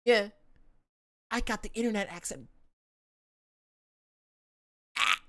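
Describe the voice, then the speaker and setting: Speaking slowly with vocal fry, this young adult woman has a slightly high, fairly bright voice. She chats casually on stream from her home setup, her Southern American accent tinged with internet influences, and she's playful, giggly and quick to mock herself.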